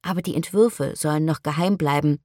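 A woman reading an audiobook, voicing a cheerful young woman who bakes cookies, lifting her voice to sound bright and eager. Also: low-pitched, a little fast, no room sound, clean studio sound. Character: cheerful young petite blonde woman baker.

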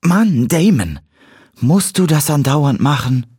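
A man's voice: lowish voice, very animated, moderate pace, a little mellow, husky, no room sound, pitched above the performer's own voice, full character voice. A man voicing a sarcastic, teasing teenage girl in an audiobook, raising his voice to play her. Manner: dry, teasing, lightly mocking. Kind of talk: audiobook character voice.

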